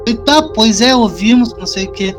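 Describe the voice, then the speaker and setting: A man spins a personal story in loose, profane, animated chat on a podcast. Music plays clearly behind him the whole time. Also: sits high, moderate pace. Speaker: podcast co-host telling a story.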